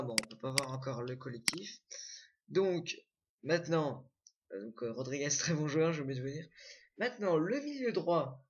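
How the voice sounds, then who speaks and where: A man's voice: medium pitch, fairly bright tone, lo-fi sound, slight background noise. A young man casually commenting on his own screen recording, full of fillers and self-corrections. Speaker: gaming video creator.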